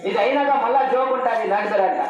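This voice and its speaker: A man giving loud street performer patter, pleading and repetitive, addressing the crowd respectfully. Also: very high-pitched, quick pace. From Andhra Pradesh, India, near Karnataka border. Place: live street show, picked up from a distance. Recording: echoey, distant, muffled live pickup.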